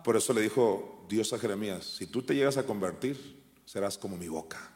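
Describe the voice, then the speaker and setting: A man preaching a sermon, swinging from shouted commands down to quiet, low asides. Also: animated, a little fast. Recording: long hall reverb.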